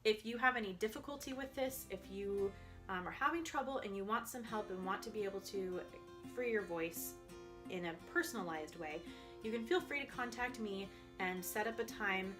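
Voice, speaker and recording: Calm woman voice coach. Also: mid-range voice, moderate pace, over music. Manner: calm, guiding, demonstrates vocal slides and counts. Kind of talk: instructional voice exercise video.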